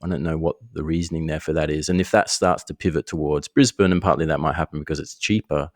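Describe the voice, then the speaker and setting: Low-voiced economist. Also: male voice, quick pace, dry recording, studio quality. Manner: explanatory and relaxed, with many fillers. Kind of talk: casual podcast chat.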